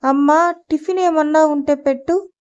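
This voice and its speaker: A woman's voice: high voice, normal speed, darkish tone, muffled recording, natural voice. A woman reading an eager young daughter. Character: young working woman, lively eldest daughter.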